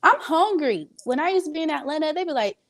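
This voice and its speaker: A woman co-hosting a podcast, telling blunt, crude stories in casual chat. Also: sits high. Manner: fast, animated storyteller, blunt and crude. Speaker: podcast co-host.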